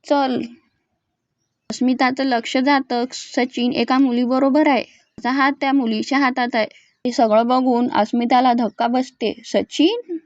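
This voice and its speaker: High-voiced woman retelling a serial. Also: flat delivery, normal speed, no room sound, dull audio. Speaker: serial recap narrator. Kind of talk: retelling a TV episode.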